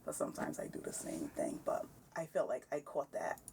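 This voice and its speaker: A woman's voice: rumbling low, big pitch swings, brisk, gravelly, a little mellow, recorded from a distance, a little hiss or hum. A woman in her thirties talking candidly and with energy in a casual podcast conversation, often breaking into laughter. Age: 30s. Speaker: podcast guest.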